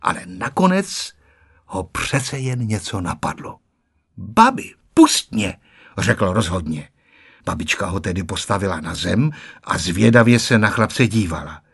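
Expressive man reading a children's story. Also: low voice, vocal fry, breathy edge, no echo, clean studio sound. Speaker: audiobook narrator. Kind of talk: scripted children's story narration.

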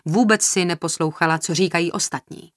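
A woman's voice: lowish voice, fairly bright tone, dry recording, clean studio sound, natural voice. A woman reading as a reproachful family man. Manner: reproachful, insistent.

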